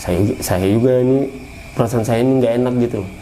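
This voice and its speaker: Mellow-voiced man telling a ghost story. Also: medium pitch, quick pace, a little hiss or hum, rough recording. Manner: animated, repeats phrases, keeps addressing the listener. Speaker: storyteller recounting his own experience. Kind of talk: casual first-person ghost story.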